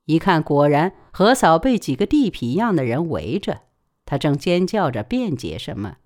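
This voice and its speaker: Expressive female audiobook narrator. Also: sits low, moderate pace. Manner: expressive, dramatic reading. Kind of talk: audiobook storytelling.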